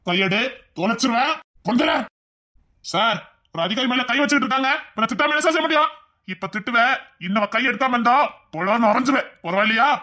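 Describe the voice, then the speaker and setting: A woman's voice: on the high side, animated, quick pace, pushed and bright. A woman with a Tirunelveli accent playing a stern police officer who talks bluntly and threatens. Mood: threatening. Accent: Tirunelveli Tamil. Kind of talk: comedy skit acting.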